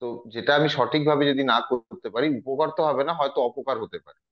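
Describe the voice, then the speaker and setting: A man's voice: medium pitch, fast talker, highs cut off. A man in a casual chat, asking questions with somewhat hesitant phrasing.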